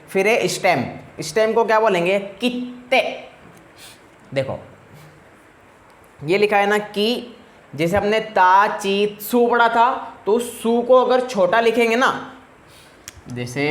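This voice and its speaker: High-voiced man teaching in an echoey room. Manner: explains slowly, repeats each word. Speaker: Japanese language teacher. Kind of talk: classroom lecture.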